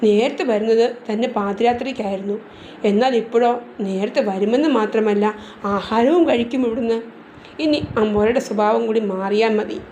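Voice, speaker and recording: A woman's voice: fairly high pitch, normal speed, mellow, a little hiss or hum, lightly acted. Give me a teasing young brother-in-law, read by a woman.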